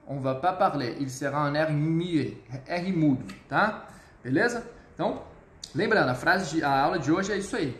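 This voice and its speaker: A man with a fairly high voice teaches a live online French lesson. He sounds upbeat, explains step by step and checks in with his viewers, and he slows right down to model each phrase. The recording has a roomy echo. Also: fairly bright tone.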